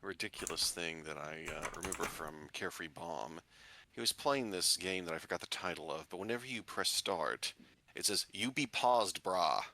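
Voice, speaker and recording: A male tabletop player chatting casually and recapping the last session, dry and deliberate. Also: deep voice, bright, forceful tone, a little hiss or hum.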